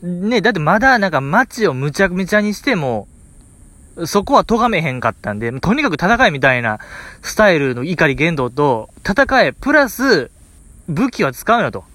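A man's voice: high voice, normal speed, no room sound. A man with a Kansai accent hosting a podcast, telling a story in a casual monologue with comic exasperation. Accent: Kansai Japanese. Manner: animated, comic exasperation, lots of fillers. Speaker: podcast host.

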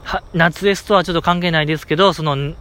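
High-voiced Kansai man, rambling fan talk. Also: fairly even intonation, fast talker, sharp tone. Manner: rambling, enthusiastic fan chatter with frequent fillers. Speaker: podcast host. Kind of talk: casual solo podcast talk.

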